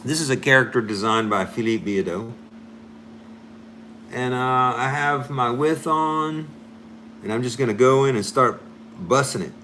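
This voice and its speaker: A man's voice: medium pitch, a little slow, pauses often, sharp tone, slight background noise. A man chatting casually on a livestream as he draws, rambling and thinking aloud, now and then dropping in amateur French phrases. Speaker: artist streaming a drawing session. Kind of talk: casual livestream chat while drawing.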